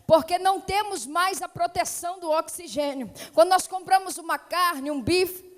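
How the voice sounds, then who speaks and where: Her voice ringing with long reverb through a church hall, a high-pitched Brazilian woman from São Paulo state preaches fervently as a Pentecostal missionary. She speaks with a paulista accent at a moderate pace, starting with gentle greetings and moving on to loud, urgent exhortation.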